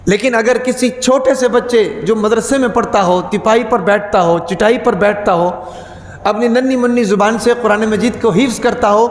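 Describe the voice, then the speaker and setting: A man giving a Friday sermon, who keeps putting rhetorical questions to the congregation and repeats key words for emphasis. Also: high-pitched. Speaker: preacher. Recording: echoey hall with long reverb.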